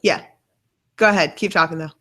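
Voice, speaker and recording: A woman's voice: low-pitched, a little fast, a bit bright. A woman co-hosting a casual book club discussion, talking things through with chatty asides and fillers. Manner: chatty, thinks aloud with fillers. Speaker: book club co-host, scientist.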